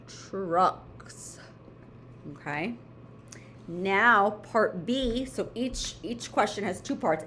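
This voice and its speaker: A woman's voice: mid-range voice, slight background noise. A woman teaching children in a playful, instructional way, breaking steps into short phrases and checking in often as she goes. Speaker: elementary school math teacher. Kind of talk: step-by-step homework lesson for children.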